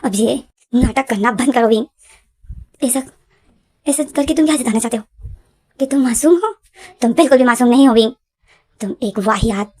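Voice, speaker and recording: A woman voicing a stern, middle-aged father who scolds loudly as she narrates a story. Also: fairly high pitch, moderate pace, long pauses, slightly rough, no echo. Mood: scornful. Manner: loud, scolding. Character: stern angry father, a man in middle age.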